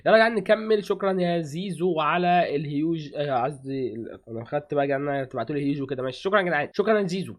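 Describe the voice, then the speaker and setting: A man with an Egyptian accent chatting casually as a gaming streamer, rattling off quick thanks to donors. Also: a little high. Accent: Egyptian Arabic. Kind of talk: casual game commentary.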